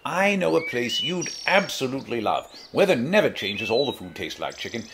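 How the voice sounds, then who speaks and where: A man's voice: medium pitch, big pitch swings, moderate pace, gravelly, noisy background. Man acting whimsical Doctor, swooping theatrical delivery. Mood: delighted, curious. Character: eccentric, cheerful male alien time traveller, curious and wordy. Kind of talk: audio drama acting.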